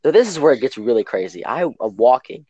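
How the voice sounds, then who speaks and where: A man's voice: medium pitch, sing-song, fast talker, muffled recording, background noise. A teenage boy co-hosting a podcast, telling a long rambling story full of fillers and acted quotes in casual chat. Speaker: podcast co-host.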